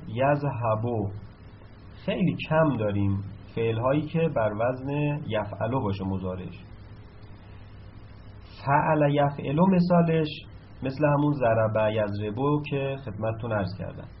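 A man's voice: medium pitch, lively intonation, a little hiss or hum. Patient male teacher explaining step by step. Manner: patient, explanatory, repeats and asks himself questions. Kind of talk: recorded lesson on Arabic verb patterns. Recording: slightly dull sound, faint room ambience.

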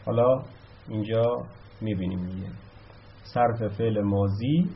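A man teaching a grammar lesson, explaining step by step and answering his own questions, slowing down to spell out each verb form. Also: lowish voice, slight background noise. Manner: slows down to spell out verb forms. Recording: slightly dull, lo-fi recording.

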